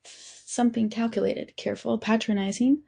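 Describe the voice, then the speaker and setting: A woman in her seventies narrating a scripted first-person family story in a measured, grave way with dry asides. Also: on the high side, steady tone, creaky, warm tone, slightly rough. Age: 70s.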